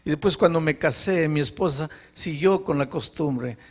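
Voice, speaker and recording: A pastor preaching to a live congregation, telling a story with dramatic pauses and anguished questions. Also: male voice, a little high, slightly rough. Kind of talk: narrative sermon storytelling. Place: live sermon before a congregation.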